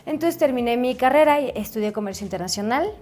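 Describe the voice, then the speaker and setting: Mexican actress guest, young adult, higher voice, lively casual chat. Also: female voice, fast.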